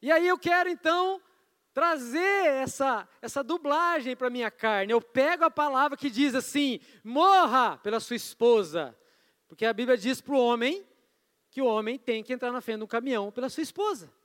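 A man's voice: very high voice, moderate pace, fairly bright tone, clean tone. A man with a Brazilian Portuguese accent preaching a sermon in a casual, conversational way, often prompting the congregation. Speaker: pastor. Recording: long church-hall reverb.

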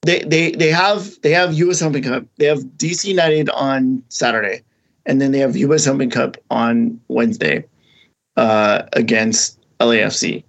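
A man's voice: medium pitch, normal speed, creaky, lo-fi sound. A man co-hosting a podcast, talking casually and rambling, with many restarts and fillers. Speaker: podcast co-host. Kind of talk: casual chat.

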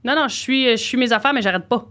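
A woman's voice: a little high, fast. A woman from the Gaspésie with a strong Gaspésie Quebec French accent, telling slangy stories with plenty of laughter as a comedian guest on a casual podcast. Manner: lively storyteller, slangy, laughs often.

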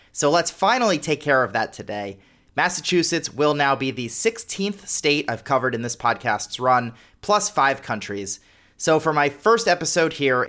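Male host, 30s, mid-pitched, chatty and self-deprecating, solo podcast. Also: a bit bright. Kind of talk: casual solo podcast monologue.

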